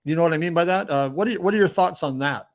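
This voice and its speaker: A man's voice: on the high side, fast. Friendly man hosting a live stream. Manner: friendly, conversational, with short agreements. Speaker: host. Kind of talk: casual live-stream interview.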